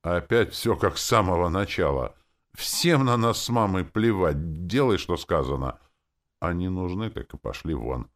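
A man's voice: deep voice, expressive, measured pace, pitched above the performer's own voice. A man reading an audiobook, voicing an emotional teenage girl who pleads and accuses sharply. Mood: angry. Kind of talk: audiobook character voice.

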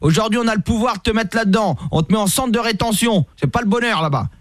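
A man's voice: high voice, fast talker, no room sound, clean studio sound, voice pushed up, natural voice. A man playing a bossy, hot-tempered police commissioner in a prank phone call, barking orders and threatening. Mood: shouting, threatening. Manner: barks orders, shouts and threatens. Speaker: prank caller, radio host.

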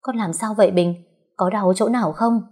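A woman voicing a domineering middle-aged stepmother who scolds loudly in an audio story. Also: medium pitch, steady tone, moderate pace, husky, pitched above the performer's own voice, close to an everyday voice. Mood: worried. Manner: loud, scolding.

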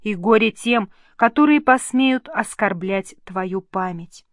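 A woman's voice: medium pitch, lively intonation, slow, no room sound, studio quality. A woman voicing an earnest, emotional young princess who speaks in fervent exclamations in an audiobook reading.

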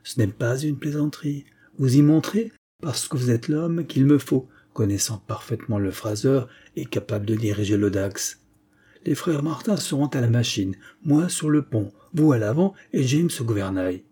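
A man's voice: mid-range voice, animated, moderate pace, mellow, breathy edge. A man voicing a determined young Frenchman. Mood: resolute. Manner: firm and resolute.

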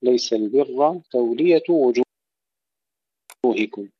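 A man's voice: medium pitch, slightly rough, dry recording. Man teaching Quran recitation rules. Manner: recites verses slowly, then explains rules plainly; addresses listeners as brothers. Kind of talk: tajweed lesson with recited examples. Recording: dry, dull lo-fi recording.

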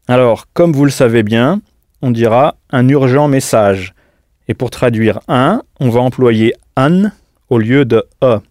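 A man gives a recorded audio language lesson in a calm, patient way. He spells out words letter by letter and pauses to prompt the listener. His voice is mellow and dark, recorded dry and close in a studio. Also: medium pitch, dry recording. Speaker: language teacher.

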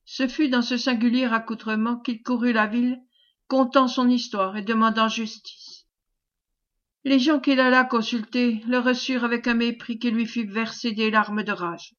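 A woman narrating a classic French novel as an audiobook reader, in a measured, expressive way. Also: on the high side, dull audio.

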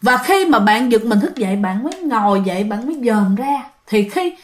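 A woman's voice: fairly high pitch, lively intonation, normal speed. A woman telling ghost stories in a chatty way, talking straight to her listeners, with a phlegmy throat. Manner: chatty, addresses listeners directly. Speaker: ghost story narrator. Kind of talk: casual storytelling narration.

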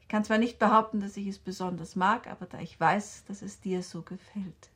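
An actress playing a lonely, uneasy middle-aged woman in a 1960s radio drama, speaking softly and often in a breathy whisper. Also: medium pitch, brisk. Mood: tender uneasy. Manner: soft and gentle.

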